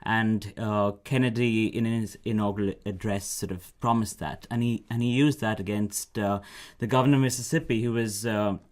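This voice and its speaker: Low-voiced man. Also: fairly even intonation, darkish tone. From India. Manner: measured, halting explanations. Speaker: opera singer. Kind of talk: radio interview chat.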